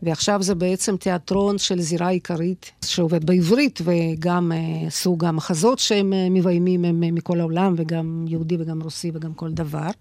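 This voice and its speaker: A woman with a slightly low voice speaks Hebrew with a Russian accent, recorded close and dry. She answers like an academic in an interview, explaining point by point and checking in with short tag questions. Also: level tone, few pauses, warm tone, dry recording. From former Soviet Union. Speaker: professor of sociology, interview guest.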